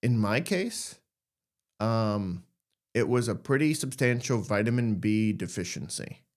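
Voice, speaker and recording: A man's voice: on the low side, lively intonation, unhurried, darkish tone. A man hosting a podcast, talking casually and candidly about anxiety, joking and acting out his own worried thoughts. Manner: candid, jokey, acts out anxious thoughts. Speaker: podcast host. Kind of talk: casual self-help monologue.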